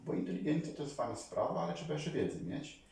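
A man talking casually to his viewers as a vlogger, rambling and animated, often calling on them to listen. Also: fairly high pitch, quick pace. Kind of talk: casual talk to camera. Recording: very echoey room, mic far away.

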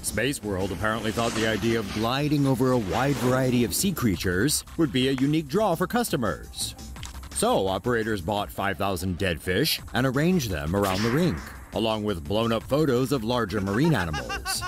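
A man's voice: on the low side, big pitch swings, normal speed, over music. A man narrating scripted news stories in a wry, playful way.

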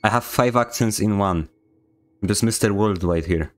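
Here a young Polish-accented man from Poland jokes his way through a game stream, sarcastic and feigning indignation in casual commentary. He speaks at a normal speed in a lowish voice.

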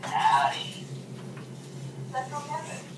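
A woman's voice: high-pitched, sing-song, exaggerated voice. A toy robot speaking in a stiff, mechanical robot voice with a woman's voice, introducing itself in short formal phrases. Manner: stiff, slow, clipped machine phrases. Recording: echoey room, heard from far off with noise.

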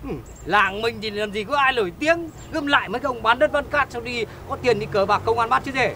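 A man's voice: very high voice, fast talker, sharp tone, slight background noise, heavily acted. An actor playing a dismissive, grumpy village man. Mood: scoffing. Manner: brusque, scoffing.

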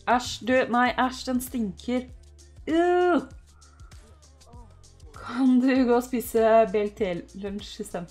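Chatty Norwegian woman cheering her game. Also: on the high side. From Norway. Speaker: gaming YouTuber. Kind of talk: casual let's-play commentary. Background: faint game music.

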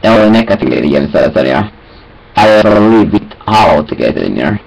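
Here a young adult man rambles casually to himself at a webcam in a small cluttered room, speaking in disjointed bits with sing-song filler sounds. His lowish, darkish voice swings widely in pitch, with creak and a breathy edge, at a moderate pace. The audio is poor.

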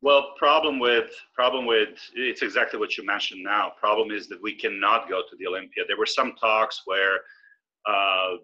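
Speaking as a guest over a video call, a man in his forties originally from Serbia gives relaxed, explanatory answers in a casual interview. He has a lowish, sharp, steady voice at a moderate pace. The webcam audio is slightly lo-fi, and behind him is a brick wall indoors.

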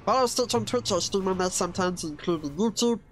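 A gaming channel host voices Stitch, the small, mischievous, excitable cartoon alien, in lightly acted let's play commentary. At medium pitch and a fairly quick pace, he refers to himself in the third person and lets out excitable yelps. A little hiss or hum sits under the audio.

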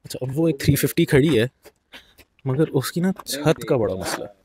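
A man's voice: medium pitch, animated, normal speed, a crowd in the background. Casual young man touring a car lot. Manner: chatty, explaining as he walks, mixing in English phrases. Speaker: vlogger. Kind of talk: casual walk-through commentary.

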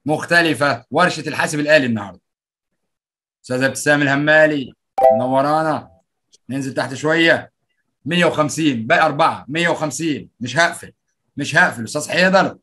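Lively fast-talking Egyptian man. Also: a little high. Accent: Egyptian Arabic. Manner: playful, energetic, reads out participants' answers and greets them. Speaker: online trainer. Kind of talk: live online workshop.

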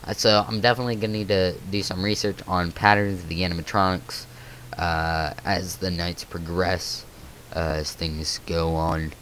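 A man with a slightly low voice talks through a video game as he plays it. He thinks aloud, breaking into nervous little exclamations. A faint hiss sits under the recording. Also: fairly even intonation, normal speed, a bit bright. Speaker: gaming channel host. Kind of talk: let's play commentary.

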